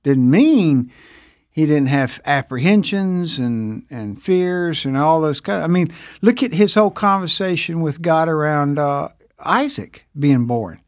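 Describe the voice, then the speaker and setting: A man co-hosting a casual faith podcast discussion, rambling and animated, acting out voices as he retells stories. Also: fairly high pitch, measured pace, no echo, studio quality. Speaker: podcast co-host.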